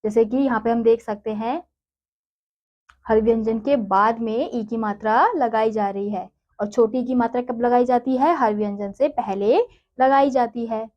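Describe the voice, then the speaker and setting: Woman teacher, higher voice, unhurried children's reading lesson, dull lo-fi sound. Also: fairly even intonation. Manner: slow, drawn-out syllable spelling, then brisk questions. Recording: dull lo-fi recording.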